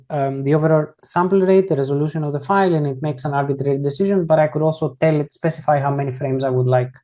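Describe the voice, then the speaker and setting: Speaking through a computer microphone, a gentle, mellow-sounding instructor guides viewers through a coding tutorial online. The pitch stays in a normal middle range, and the casual walkthrough is full of mid-sentence corrections and fresh starts.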